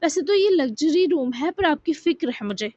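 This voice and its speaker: A woman's voice: high-pitched, lively intonation, a little mellow, dry recording. A woman voicing a shy, sweet young woman in a bashful, pleading manner. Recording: dull dry lo-fi sound.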